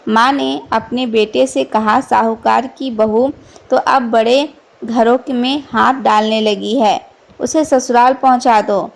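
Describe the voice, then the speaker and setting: A woman with a fairly high, gravelly voice narrates a devotional folk tale. She takes her time, reciting each line slowly and evenly like a traditional vrat story. Her voice has a noticeable rough fry. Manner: slow, even recitation of a festival vrat story.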